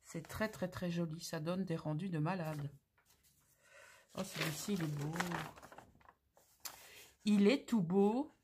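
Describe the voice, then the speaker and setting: A woman's voice: low-pitched, fairly even intonation, moderate pace, long pauses, darkish tone, slight background noise. A woman hosting a craft channel, talking casually through an unboxing with gushing, exclamatory, slangy enthusiasm.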